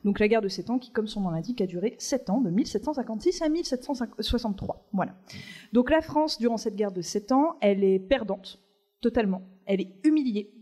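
A woman's voice: on the high side, expressive, fairly quick, mellow. Chatty woman explaining history onstage. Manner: chatty, explains step by step with many fillers. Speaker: podcast co-host presenting a history segment. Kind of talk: casual explanatory talk on a live podcast. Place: stage in front of a live audience.

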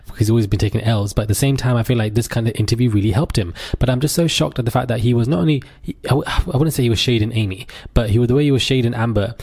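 A man's voice: medium pitch, rapid-fire, hardly any pauses, darkish tone. A man hosting a podcast, giving casual gossip commentary with dramatic, sassy asides. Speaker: podcast host.

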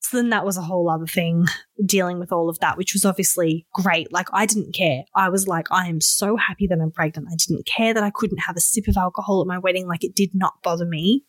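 A young woman recounts her story in a casual, animated way. Her voice sits fairly low but leaps high when she acts out what she said. The sound is close and dry, with no room around it. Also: fairly quick, no echo. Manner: animated, acts out quotes with sudden high squeals. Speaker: podcast guest.

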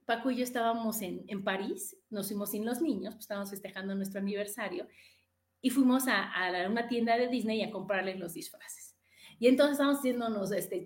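A middle-aged Mexican woman hosting a podcast, telling stories in a casual, animated way and acting out the voices she quotes. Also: normal speed, echoey room. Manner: animated, acts out quoted voices with big pitch jumps. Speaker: podcast host. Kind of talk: casual storytelling monologue.

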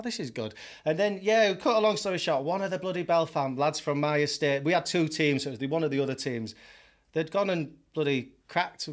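A man, a podcast guest telling his story in a candid, chatty way, often laughing. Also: on the high side. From York, England. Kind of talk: casual storytelling.

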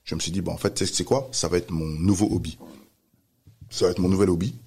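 Brief: male storyteller, very low, rapid, animated, many restarts. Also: creaky, husky. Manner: animated, acts out quoted voices, many restarts. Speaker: music manager telling a story. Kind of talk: casual storytelling chat.

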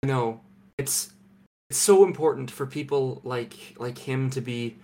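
A young Canadian man with a mid-range voice co-hosts a podcast, recording remotely from home. His delivery is deadpan and mock-serious, with halting restarts.

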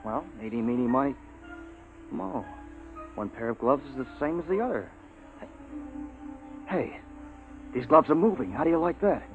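A man's voice: mid-range voice, lively intonation, moderate pace, pauses often, close to an everyday voice. An actor playing a jittery male soldier in a 1950s radio drama. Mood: puzzled. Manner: puzzled, jumpy. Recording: tinny old radio with faint music.

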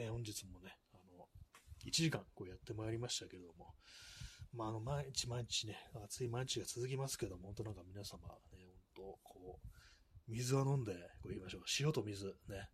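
A man's voice: lowish voice, slightly rough. A man hosting a casual solo live stream, rambling and self-mocking, with many fillers. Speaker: live-stream radio host.

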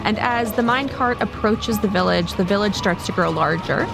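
A woman's voice: mid-range voice, normal speed, vocal fry, over music, low-quality recording. A woman narrating a tabletop game as game master.

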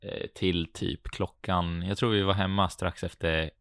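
A man's voice: low-pitched, steady tone, a bit bright, smooth, no room sound, studio quality. A man with a Stockholm accent in Swedish, chatting casually as a podcast co-host. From Avesta, Dalarna, Sweden. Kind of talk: casual chat.

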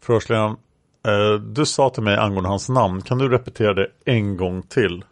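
A calm, formal male police interrogator, read out by a man. His questions are delivered in a procedural, unacted reading with a creaky edge. The sound is dry, with no room. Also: lowish voice, no room sound, natural voice. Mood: questioning.

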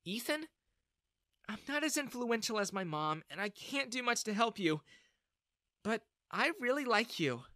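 A man voicing a spirited young woman, indignant and high-voiced. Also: big pitch swings, a little slow, pauses often, pushed and bright, dry recording, clean studio sound, heavily acted. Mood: shy.

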